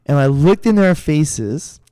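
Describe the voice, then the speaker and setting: Middle-aged male co-host, mellow and dry, rambling casual storyteller. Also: a little high, animated, takes it slowly, no room sound. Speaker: podcast co-host, karate instructor. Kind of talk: casual chat.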